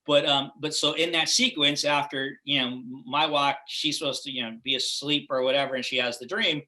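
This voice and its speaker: A middle-aged man from Los Angeles, USA, appears as a guest actor in a casual interview, rambling in a laid-back Californian accent full of "like" and "right?". He has a medium-pitched voice with fairly even intonation and a bright, forceful tone, speaking at a moderate pace. The audio is poor.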